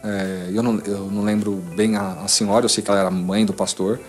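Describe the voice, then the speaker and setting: Fast-talking and lowish in voice, a Brazilian man in his forties from São Paulo recounts a personal story as a podcast guest, animatedly quoting the conversations he remembers. Soft music plays in the background.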